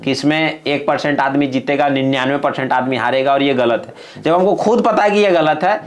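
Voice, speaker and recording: A man's voice: medium pitch, brisk. A man giving earnest, rustic advice in a casual podcast interview. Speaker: YouTube creator guest.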